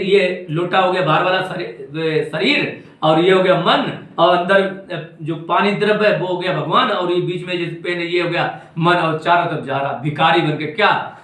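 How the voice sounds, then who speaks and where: Braj-accented male spiritual teacher, high voice, emphatic and scolding, echoey room. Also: a little slow, fairly bright tone. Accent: Braj Hindi. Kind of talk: devotional discourse.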